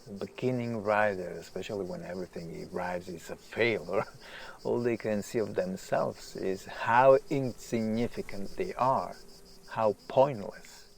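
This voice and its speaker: A male actor voices a tormented, self-doubting famous writer, restless and self-mocking, in a naturalistic audio drama monologue. He sounds agitated yet unhurried, his lowish voice brooding and intense as it shifts from hushed to emphatic. The low-quality recording carries clear hiss and outdoor nature ambience.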